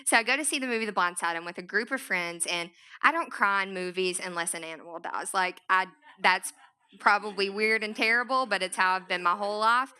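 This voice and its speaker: A young woman giving a talk to an audience in a large room, telling her own story in a chatty, animated way with many fillers. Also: mid-range voice, fairly quick, clear, resonant tone. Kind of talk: conference talk.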